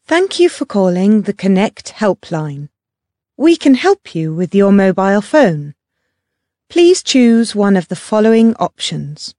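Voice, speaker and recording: Woman voicing a slow, lilting phone menu helpline. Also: medium pitch, very animated, warm tone, no room sound, studio quality. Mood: polite, instructive. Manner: measured, clearly enunciated, formulaic announcing. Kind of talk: phone menu voice, scripted recorded prompts.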